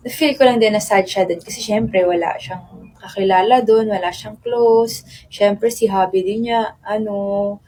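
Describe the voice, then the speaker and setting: A woman's voice: fairly high pitch, a little mellow. Chatty Filipino young woman, rambling. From Philippines. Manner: rambling storytelling full of fillers, switching between Tagalog and English. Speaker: athlete chatting with fans. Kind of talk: casual live-stream chat.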